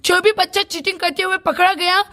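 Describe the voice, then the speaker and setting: A woman's voice: very high-pitched, flat delivery, a little fast, sharp tone. A woman voicing a strict female schoolteacher in a children's cartoon, stern and scolding. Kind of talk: cartoon voice acting.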